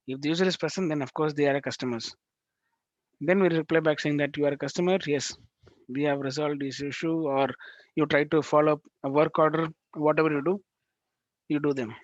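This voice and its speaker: A male instructor teaches a live online class, his voice sitting a little high. He talks in halting bursts, restarts his sentences and keeps checking that students follow along. The call audio is dull and lo-fi, with no room sound at all. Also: no echo. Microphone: video call microphone.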